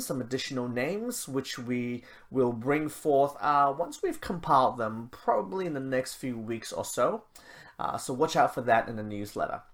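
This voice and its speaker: A man from Malaysia, a pastor, giving church announcements and opening a prayer in a chatty way with self-deprecating asides. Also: mid-range voice. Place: church service, streamed live.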